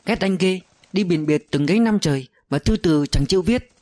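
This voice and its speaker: A man's voice: fairly high pitch, brisk, a little mellow, no room sound, voice pushed up, lightly acted. A man voicing an affectionate young village wife who speaks in a coaxing, playful way. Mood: teasing, fond.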